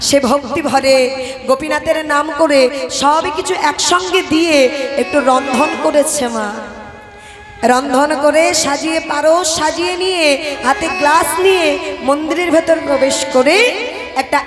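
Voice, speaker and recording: A woman's voice: high voice, moderate pace. A woman performing devotional kirtan storytelling, speaking directly to her listeners as mother and father. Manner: addresses the audience warmly as mother and father. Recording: echoey hall with music. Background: instrumental music.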